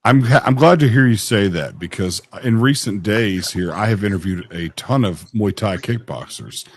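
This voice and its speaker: A man's voice: fairly low pitch, normal speed, a little hiss or hum. A man hosting a casual interview show, talking informally and in a folksy way to guest and viewers.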